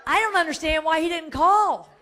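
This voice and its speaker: A middle-aged woman giving a comic keynote talk, chatty and animated, asking the audience questions and laughing at her own jokes. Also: very high-pitched, normal speed. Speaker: keynote speaker. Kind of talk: stand-up style comic keynote. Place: large conference hall. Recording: echoey hall with faint noise.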